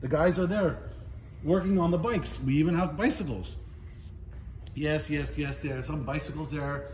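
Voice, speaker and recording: A middle-aged man giving a casual walking tour of a large warehouse as an auctioneer, chatty and playful, listing items in quick repeats. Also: a little high, a little mellow. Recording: roomy warehouse echo, faint background noise.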